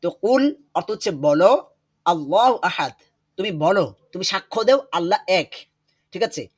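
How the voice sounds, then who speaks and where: A man teaching Quran pronunciation in an online class over a video call, explaining slowly and repeating words to drill them. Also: high-pitched, lively intonation, breathy edge.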